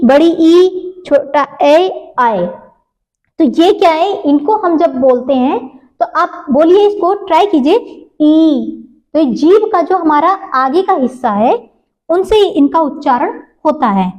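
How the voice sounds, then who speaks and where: High-voiced woman teaching a class. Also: darkish tone, low-quality recording. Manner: asks the class questions and answers them herself; repeats points slowly and stretches out sounds. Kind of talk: classroom-style grammar lesson.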